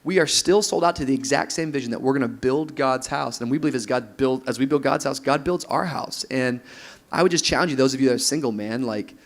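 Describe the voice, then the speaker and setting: A man's voice: mid-range voice, brisk. A man in his thirties, a pastor speaking on a conference stage panel, talking with energy and laughing as he mimics couples. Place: large room with audience on stage.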